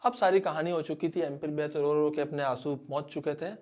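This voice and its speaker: A man's voice: fairly high pitch, quick pace. A man teaching physics as a dramatic story, talking straight to his students. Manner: animated, dramatic storyteller who addresses students directly.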